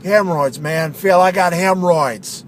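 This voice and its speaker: A man voicing a cranky, foul-mouthed barfly in a spoof radio ad, loud and irritable. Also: high-pitched, normal speed, a little hiss or hum, close to an everyday voice.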